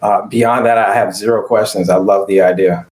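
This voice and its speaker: A man's voice: on the low side, steady tone, normal speed, darkish tone, slight background noise. A man giving brief, casual feedback as a judge.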